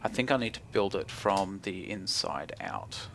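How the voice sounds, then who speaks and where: A man's voice: deep voice, animated, measured pace, vocal fry, slight background noise. A young man with a broad New Zealand accent, thinking aloud casually as he commentates on his gameplay, laid-back and slangy with mumbled asides. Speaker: gaming video creator. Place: indoor room at home.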